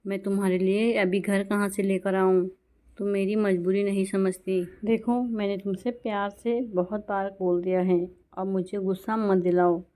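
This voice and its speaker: Woman doing a grumpy husband sparrow, dark mellow voice, scolding. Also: mid-range voice, level tone, moderate pace, close to an everyday voice. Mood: irritated. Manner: scolding, threatening. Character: male sparrow husband, short-tempered, pushy.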